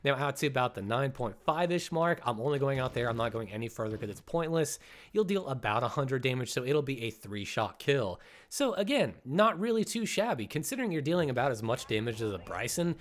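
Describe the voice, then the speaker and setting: A young man with a stuffy, congested voice talks through his game footage in a relaxed, chatty way. He sounds enthusiastic and amused as he gives his commentary. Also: medium pitch, a little fast. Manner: enthusiastic, chatty, laughs at how fun the weapon is. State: congested after illness. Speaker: gaming video host.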